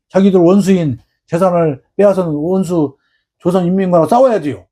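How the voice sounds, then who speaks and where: A man's voice: high voice, mellow. A man giving solo political history commentary, emphatic and full of rhetorical questions, sometimes acting out quoted exchanges. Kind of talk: solo lecture-style commentary.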